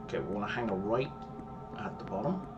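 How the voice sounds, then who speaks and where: A man with a lowish voice talks fast in this muffled recording of a casual let's-play. Streaming a mystery game over game music, he mutters, thinks aloud, and explains history along the way.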